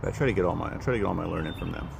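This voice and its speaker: A man talks on a live stream while he walks a wooded trail, his voice deep and low. He rambles, doubles back on his words and greets viewers by name. A faint outdoor hiss sits under him. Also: very fast, gravelly. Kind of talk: casual live-stream chat while hiking.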